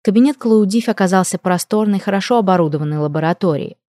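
A woman narrating a first-person fantasy audiobook in a lively, expressive way on a close mic. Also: medium pitch, fast, dry recording.

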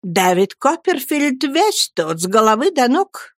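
A woman's voice: sits high, sing-song, dry recording, studio quality, pitched above the performer's own voice, exaggerated voice. A woman voicing a brusque, domineering elderly aunt in an audiobook, curt and emphatic. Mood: stern. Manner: commanding, curt, slow and emphatic. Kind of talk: audiobook character voice.

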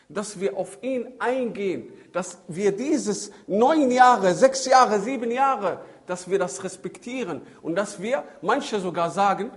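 A man giving a religious talk as a preacher, telling stories animatedly and adding Arabic religious phrases. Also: high-pitched. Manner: animated storytelling with shifting emphasis. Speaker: Islamic preacher. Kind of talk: religious talk on child-rearing.

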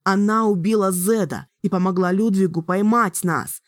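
A woman voicing an adult male hero who speaks firmly, trying to calm someone, in an audiobook. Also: mid-range voice, normal speed, no room sound, studio quality, pitched above the performer's own voice, close to an everyday voice. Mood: firm pleading. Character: adult man, the hero, steady and pleading. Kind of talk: audiobook character voice.

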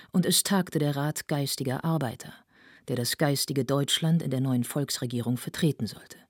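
A woman narrating a literary audiobook in a calm, measured way. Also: low-pitched, slightly rough, dry recording, studio quality. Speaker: audiobook reader.

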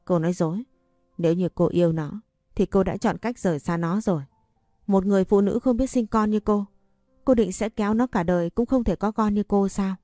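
A woman's voice: mid-range voice, a little fast, mellow, no room sound, faint music behind, close to an everyday voice. A woman voicing a stern, scornful older mother-in-law who scolds and demands in a storybook reading. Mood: pleading.

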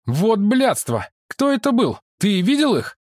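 A man voicing an injured, hot-tempered male pilot who frets and curses loudly. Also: high-pitched, sing-song, normal speed, dry recording, studio quality, voice pushed up. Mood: furious. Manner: agitated, cursing, shouting.

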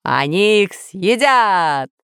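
A woman's voice: mid-range voice, very animated, drawn-out words, a bit bright, clean tone, dry recording, clean studio sound, voice pushed up, heavily acted. A woman voicing a boastful, villainous male scientist who rules dinosaurs, pompous and threatening in a storybook reading. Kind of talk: storybook narration.

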